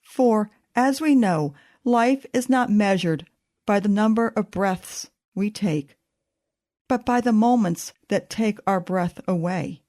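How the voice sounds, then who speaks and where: A woman in her fifties, a podcast host, reading a scripted personal reflection in a measured, thoughtful way. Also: mid-range voice, mellow.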